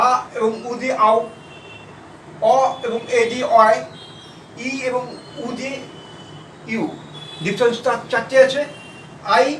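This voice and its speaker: A male teacher works through a shorthand lesson, saying each word again slowly and spelling out its letters. He sits back from the microphone, so his voice reaches it through a roomy echo. A faint background hiss runs under his speech. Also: extremely high pitch, fairly bright tone, far from the mic. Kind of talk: classroom lesson.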